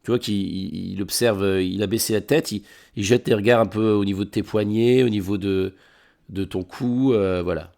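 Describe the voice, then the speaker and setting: Male game master, tabletop narration, low pitch, gravelly, halting with repeated words. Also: steady tone, darkish tone.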